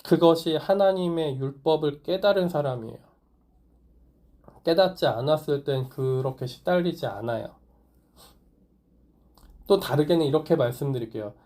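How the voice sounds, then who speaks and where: Conversational Korean pastor, mellow voice. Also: male voice, a little high, normal speed, pauses often. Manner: conversational preaching, asks the congregation questions, light laughs. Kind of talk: sermon. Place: small church or online worship service.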